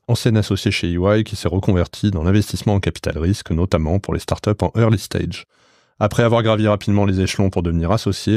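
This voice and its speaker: A man hosting a podcast interview, talking in a relaxed conversational way with some fillers. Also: low-pitched, dry recording, clean studio sound. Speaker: podcast host.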